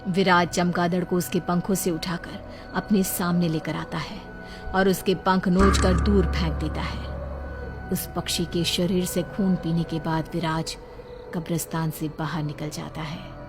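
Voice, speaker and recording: A woman's voice: fairly low pitch, flat delivery, measured pace. Woman narrating a dramatic horror story. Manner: dramatic storytelling, emphatic at scary moments. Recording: voice over loud background music.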